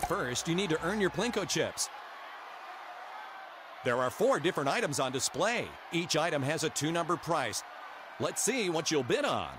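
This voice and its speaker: A man's voice: fairly high pitch, very animated, moderate pace, pauses often, music in the background. A man playing an emphatic game show host who guides a contestant with scripted instructions and exclamations. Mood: upbeat. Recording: clear background game noise.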